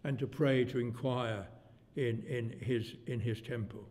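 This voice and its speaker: A man's voice: mid-range voice, fairly even intonation, measured pace, a little mellow. A man in his eighties preaching a sermon in a rambling, folksy way, his volume rising suddenly to make a point. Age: 80s. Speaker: pastor. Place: church hall. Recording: long church reverb.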